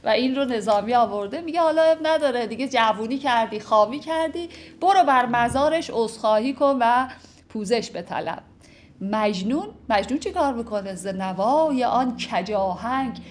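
A woman teaches a class on classical poetry. She reads each verse slowly and deliberately. Then she unpacks its meaning in an easy, chatty way. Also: fairly high pitch, lively intonation, a little hiss or hum. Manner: recites verses slowly, then explains them conversationally. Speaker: literature teacher. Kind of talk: lecture explaining classical Persian poetry.

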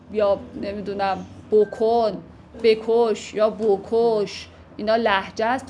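A woman's voice: fairly high pitch, a little hiss or hum. A woman teaching classical poetry, reciting verses and then explaining them in a casual, conversational way. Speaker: literature teacher.

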